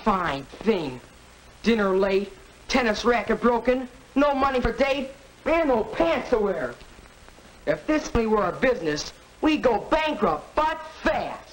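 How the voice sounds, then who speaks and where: A man's voice: extremely high pitch, sing-song, a little slow, heavily acted. A young man playing a grumbling, sarcastic American teenage son in a 1940s educational film. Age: young adult. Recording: noisy vintage film soundtrack.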